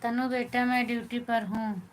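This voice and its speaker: Awadhi-accented woman, live-stream host, reads chat aloud and thanks fans, slightly high voice, faint hiss behind. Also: little pitch movement, moderate pace. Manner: chatty, thanks viewers by name, answers comments one by one. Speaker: folk singer hosting a live stream. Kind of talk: casual live-stream chat reading viewer comments.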